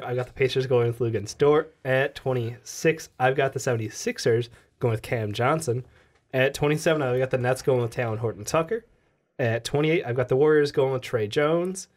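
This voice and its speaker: Brief: young male co-host, mid-pitched, dry, teasing delivery. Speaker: podcast co-host. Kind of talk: casual sports podcast chat.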